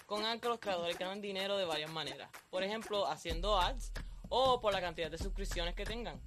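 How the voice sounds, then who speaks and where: A woman's voice: medium pitch, brisk, fairly bright tone. A woman co-host giving an upbeat, promotional scripted ad read. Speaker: podcast co-host. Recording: music bed behind the voice.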